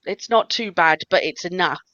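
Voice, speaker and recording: A woman narrating as game master in a tabletop game, halting, with lots of fillers and laughter. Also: on the low side, a bit bright, no room sound, dull audio.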